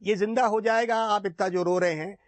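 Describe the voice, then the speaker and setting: A man voicing a calm, wise old male guru who speaks gently to grieving villagers. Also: high voice, moderate pace, dry recording, close to an everyday voice.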